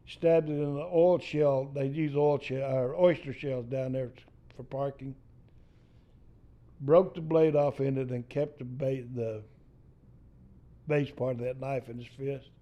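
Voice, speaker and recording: A man's voice: medium pitch, steady tone, measured pace, dull audio. An older man from East Texas with a Texan accent, telling a profane family story in casual storytelling style. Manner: salty, profane yarn-spinning.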